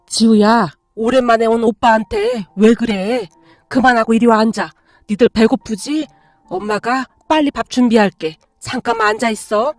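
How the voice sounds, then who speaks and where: A soft-spoken, patient stepmother, put on by a woman reading a story aloud. Her voice is calm and soothing and sits fairly high. The reading is dry, with light music behind. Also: moderate pace, dry recording, close to an everyday voice. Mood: gentle. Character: gentle, sorrowful older stepmother.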